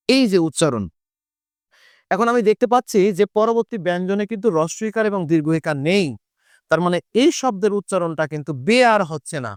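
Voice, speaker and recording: A man with a fairly high, smooth and resonant voice teaches a grammar lesson for exam students. He explains each rule step by step, poses questions and answers them himself, and draws out example words slowly. The sound is dry and close, with little room echo. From Bangladesh. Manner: explains step by step, repeats rules, asks and answers his own questions. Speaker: Bangla teacher.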